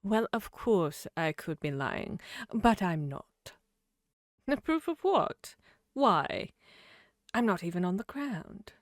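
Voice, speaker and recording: A sly, grinning Wonderland cat, acted by a woman for an ASMR audio roleplay. The creature drawls very slowly, teasing and fickle, as if every sentence were a riddle. The sound is close and dry. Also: mid-range voice, expressive, no echo. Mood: coy, riddling. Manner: slow, playful, riddling drawl.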